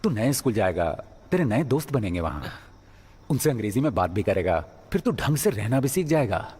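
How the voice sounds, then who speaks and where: An actor dubbing a stern middle-aged laundryman father who scolds and then gently coaxes his son, in a husky voice. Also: lowish voice, big pitch swings, fairly quick. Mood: coaxing. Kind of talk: Hindi film dub.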